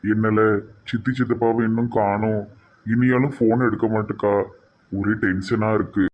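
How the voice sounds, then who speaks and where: A man's voice: lowish voice, level tone, normal speed, lo-fi sound, a little hiss or hum, natural voice. A man voicing a hot-headed Tirunelveli cartoon youth. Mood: worried. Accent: Tirunelveli Tamil.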